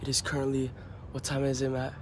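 A young man chatting casually for a vlog in slangy, excitable talk while out riding dirt bikes. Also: medium pitch, moderate pace. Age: young adult. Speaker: vlogger and dirt bike rider. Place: outdoors, in vehicles and open desert. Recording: noisy outdoor recording, motorcycle engines. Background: dirt bike engine noise.

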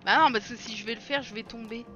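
A young woman chatting through a co-op video game session, excitable and self-mocking, often laughing and shouting at the game. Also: on the high side, quick pace, lo-fi sound, faint music behind. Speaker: streamer playing a co-op video game. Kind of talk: casual let's-play chatter.

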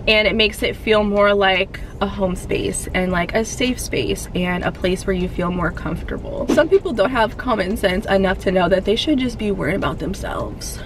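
A young woman in a fitness vlog, talking bluntly and in an animated way, recorded from the dashboard of a parked car. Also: medium pitch, normal speed, few pauses, noisy background. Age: young adult. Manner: blunt, animated, sassy, gestures while talking. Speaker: fitness vlogger. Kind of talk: casual chatty vlog. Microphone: camera on the dashboard.

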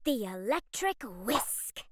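A woman's voice: on the high side, sing-song, slow, very noisy. A woman voicing a boastful, theatrical young female pet in a cartoon. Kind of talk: cartoon voice acting.

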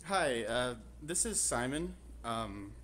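A man's voice: medium pitch, lively intonation, takes it slowly, a bit bright. A man chatting casually and off the cuff as a prank caller. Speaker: prank caller and video host. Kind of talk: casual improvised chat.

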